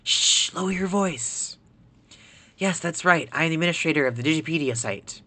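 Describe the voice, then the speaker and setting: A man reading game dialogue aloud as a secretive website administrator who asks for help in a hushed, urgent way. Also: fairly high pitch, expressive, normal speed.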